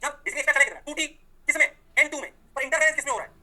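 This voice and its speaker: A man's voice: very high-pitched, rapid-fire. A man teaching physics, firing questions and answering them himself. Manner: energetic, asks questions and answers them himself, voices the students' replies. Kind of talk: lively classroom lecture.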